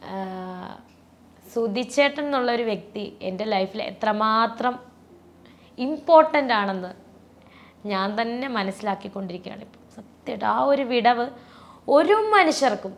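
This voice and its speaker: Emotional woman guest, fairly high voice. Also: moderate pace. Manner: emotional, voice often drops soft and low; rambling, many restarts and fillers. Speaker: interview guest. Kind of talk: personal interview talk.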